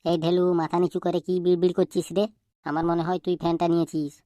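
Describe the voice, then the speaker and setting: Cartoon teacher, male, stern and threatening; woman voices him low, dark and fast, flat delivery. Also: dry recording, studio quality, close to an everyday voice. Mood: scolding. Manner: threatening, interrogating, quick-talking. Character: stern, scolding male schoolteacher. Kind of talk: cartoon voice acting.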